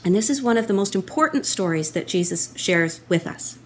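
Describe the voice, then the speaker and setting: Animated woman telling children's stories. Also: medium pitch, fairly quick, slight background noise. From Canada. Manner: animated, expressive storytelling to children. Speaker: children's storyteller at a church. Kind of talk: children's story and address. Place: wood-panelled room at home, indoors. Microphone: laptop webcam, close framing.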